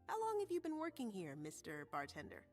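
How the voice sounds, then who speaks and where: A woman's voice: mid-range voice, huge pitch swings, a little fast, a little mellow, soft background music. A woman voicing an earnest young woman marshal in a video game, polite and a little hesitant.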